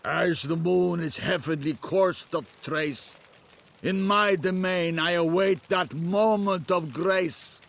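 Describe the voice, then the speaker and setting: A man's voice: high-pitched, gravelly, full character voice. An actor playing a pompous mock-king who declaims riddling verse in a theatrical, solemn manner.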